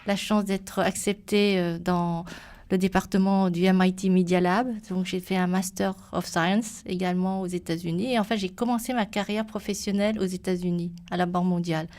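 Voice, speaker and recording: A woman entrepreneur giving a lively radio interview, often restarting her sentences. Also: lowish voice, normal speed. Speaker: entrepreneur guest.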